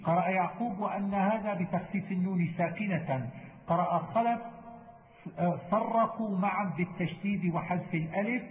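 Man, Quran recitation teacher, measured chanting of verse, long reverb, thin lo-fi audio. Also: sits high. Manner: measured chanting of verse, then brisk itemized explanation. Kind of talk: chanting didactic verse and explaining readings. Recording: echoey hall, tinny phone-like sound.

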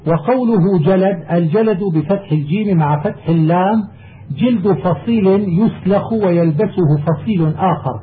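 Male reciter, high voice, measured chanting delivery, narrow tinny sound. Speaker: teacher reading a lexical text. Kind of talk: reciting verse and reading commentary. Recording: tinny phone-like audio with faint hiss.

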